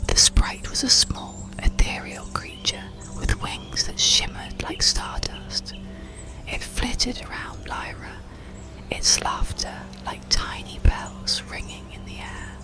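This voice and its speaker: In a soft, deliberate whisper meant to soothe, an audiobook storyteller tells an ASMR bedtime story.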